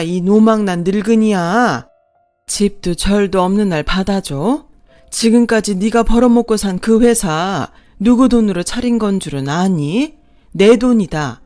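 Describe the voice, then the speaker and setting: A woman narrator voicing a fierce, long-suffering older mother-in-law who scolds forcefully. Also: mid-range voice, close to an everyday voice.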